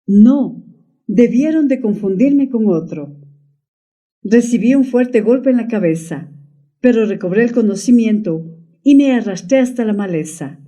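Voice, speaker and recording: A woman voicing a calm, resigned man who has come back from the dead, speaking quietly with a hint of bitterness. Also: a little high, measured pace, far from the mic. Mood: explaining.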